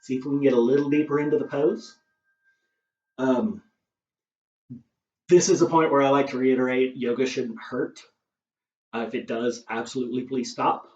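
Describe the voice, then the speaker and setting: A man's voice: mid-range voice, moderate pace, long pauses. Man leading a yoga class in an echoey room. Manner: calm, encouraging cues with casual asides. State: out of breath. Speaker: yoga instructor. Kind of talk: guided yoga class instruction. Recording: roomy, distant, dull camera audio with faint music.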